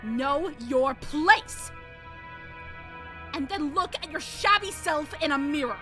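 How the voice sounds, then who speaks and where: A woman's voice: high-pitched, animated, moderate pace, pushed and bright. A woman voicing an arrogant aristocratic lady who sneers at a servant, with music behind. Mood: scornful. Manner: sneering, imperious. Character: haughty arrogant noblewoman, scornful. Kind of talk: amateur read-aloud of a story. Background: music playing.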